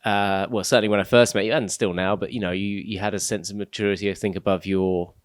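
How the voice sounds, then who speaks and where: A man hosting a podcast, speaking casually in a gentle, encouraging, measured way. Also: fairly low pitch, steady tone, no echo, clean studio sound. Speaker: podcast host. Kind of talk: casual conversation.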